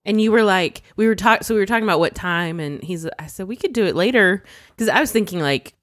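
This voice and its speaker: A woman co-hosting a casual podcast, sleepy from just waking up, chatty and quick to laugh. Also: on the low side, a bit bright, dry recording. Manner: chatty, laughs easily, quotes herself. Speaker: podcast co-host.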